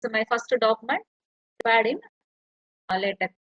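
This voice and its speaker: Bright woman lecturer. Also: a little high, animated, normal speed, dry recording, muffled recording. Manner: explains step by step while typing. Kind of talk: online tutorial walkthrough.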